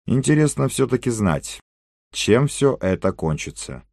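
A man voicing an excitable, talkative Frenchman in an audiobook, speaking with animated emphasis. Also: mid-range voice, a little slow, vocal fry, no echo, clean studio sound, voice pushed up. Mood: lively.

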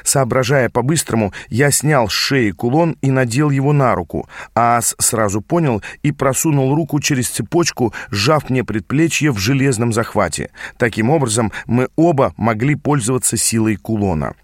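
A man reading a story aloud as audiobook narrator, in a measured, even manner. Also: medium pitch, no echo, clean studio sound. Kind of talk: scripted narration.

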